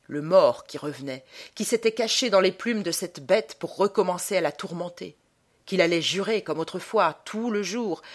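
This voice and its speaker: A woman reading a short story aloud in a measured, dramatic manner. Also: lowish voice. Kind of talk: scripted narration of a short story.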